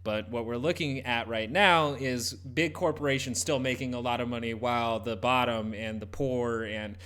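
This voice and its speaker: A man with a mid-pitched voice hosts an informal live commentary on politics. He talks haltingly, trailing off and picking his thoughts back up as he goes. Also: fairly bright tone. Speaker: host reacting to a broadcast.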